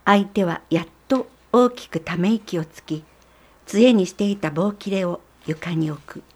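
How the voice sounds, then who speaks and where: A woman narrating a children's storybook in a calm, measured way. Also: fairly low pitch, husky.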